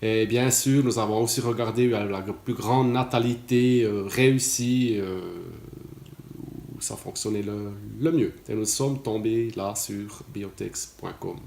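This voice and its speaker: A Swiss man in his late forties with a Swiss French accent gives a casual testimonial. His voice is fairly low, unhurried and darkish, with a reverberant sound. He speaks hesitantly, full of fillers and restarts.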